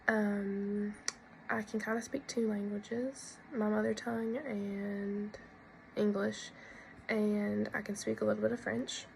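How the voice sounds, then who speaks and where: A woman's voice: medium pitch, flat delivery, takes it slowly, vocal fry, darkish tone, a little hiss or hum, rough recording. A woman in her twenties introducing herself with some hesitation. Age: 20s. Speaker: interviewee. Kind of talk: casual chat.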